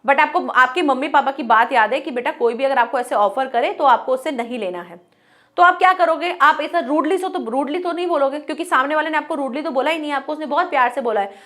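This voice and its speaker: A woman's voice: high voice, quick pace, fairly bright tone. A woman teacher explaining an English lesson in with English words mixed in, asking rhetorical questions and acting out short exchanges. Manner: acts out little exchanges of dialogue to make points.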